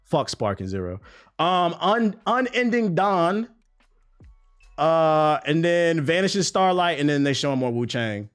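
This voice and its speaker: Lively, profane male gaming streamer. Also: on the high side, slow pace, clean tone, soft background music. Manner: animated, profane, mocking banter. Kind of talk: casual live-stream commentary.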